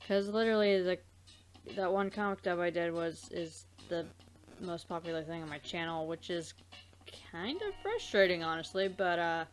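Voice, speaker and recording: A woman with a fairly low, animated voice speaks at a moderate pace while hosting a let's play, chatting casually and rambling until she often loses her thread. She's a let's play host who also does amateur voice dubbing.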